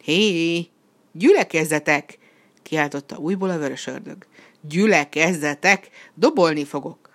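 A storybook red devil who booms and swaggers, quick to anger and sure of his own greatness. He bellows his lines in a low, heavy voice, acted by a woman reading aloud. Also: animated. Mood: bellowing. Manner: booming, swaggering, hot-tempered. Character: boastful loud male red devil drummer.

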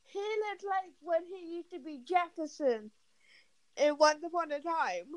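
A woman's voice: very high voice, measured pace, dry recording. A woman chatting casually as a podcast co-host, with a blunt, bantering manner. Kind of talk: casual chat.

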